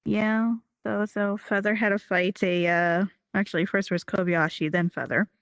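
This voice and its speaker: A woman's voice: mid-range voice, fairly even intonation, moderate pace, clear, resonant tone, dry recording. A woman chatting casually during a roleplay game, rambling with lots of fillers and restarts. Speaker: roleplay streamer.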